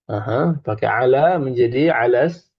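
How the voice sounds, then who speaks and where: A man's voice: mid-range voice, unhurried, dry recording. Guy teaching arabic, chatty, lots of examples, dull dry lo-fi sound. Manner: chatty, explains with examples and drills repetition. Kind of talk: informal classroom lesson.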